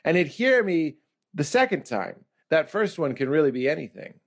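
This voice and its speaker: A man telling comic stories about his family as a therapy patient, animated and self-mocking. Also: on the high side, normal speed, gravelly. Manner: animated, self-mocking, acts out quoted voices. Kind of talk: comic storytelling in a mock therapy session.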